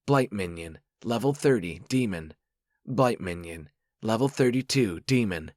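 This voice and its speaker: A man voicing a game system announcer that reads out rewards and enemy levels in a flat, formal way, for an audiobook. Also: fairly low pitch, unhurried, dry recording, studio quality, voice pushed up. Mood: announcing. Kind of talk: audiobook narration.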